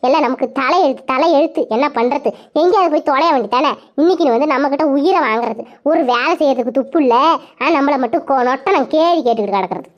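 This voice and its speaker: A woman voicing a put-upon young village housewife in a cartoon, grumbling and lamenting, on a dull lo-fi recording. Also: high voice.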